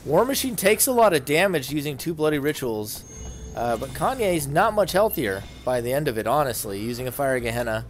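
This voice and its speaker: A man commentating a video game tournament, calling the action play by play with brisk, excited energy. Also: mid-range voice, faint music behind.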